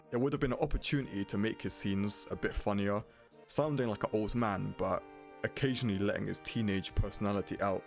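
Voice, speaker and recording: Music plays behind a man with a fairly low voice. He narrates a scripted game review, speaking bluntly and casually like an opinionated reviewer. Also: vocal fry. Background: prominent music.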